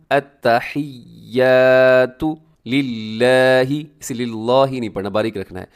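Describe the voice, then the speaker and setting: A man teaching prayer recitation as a religious teacher, chanting each phrase slowly and drawn out, then explaining his corrections briskly. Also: medium pitch.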